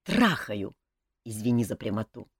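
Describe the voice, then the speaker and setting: A woman's voice: extremely low pitch, big pitch swings, a little slow, breathy edge, no room sound, pitched below the performer's own voice, heavily acted. A woman reading an audiobook, voicing a wry, weary middle-aged king who speaks in a dry, understated, amused way. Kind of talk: audiobook character voice.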